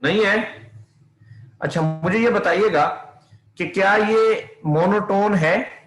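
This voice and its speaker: A man's voice: sits high, slow pace, reverberant. A man teaching a math class online, often calling his students "beta" and checking whether they can hear him. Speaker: math lecturer.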